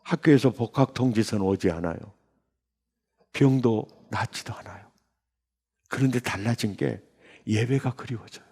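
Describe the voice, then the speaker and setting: A man in his sixties, a pastor, telling his testimony in a sermon with emotional storytelling that jumps into high bursts. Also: normal speed, pauses often, a little mellow, slightly rough. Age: 60s. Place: church sanctuary.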